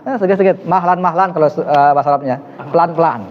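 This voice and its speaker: A man's voice: fairly high pitch, racing. A man teaching an Arabic class, encouraging his students and praising often. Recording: lo-fi, reverberant room.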